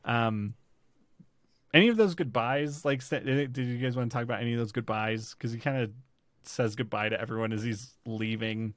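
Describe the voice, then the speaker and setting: A man's voice: medium pitch, moderate pace, a bit bright, no room sound. Rambling man chatting on a podcast. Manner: rambling, filler-heavy, with many restarts. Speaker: podcast host. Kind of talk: casual chat about a TV series.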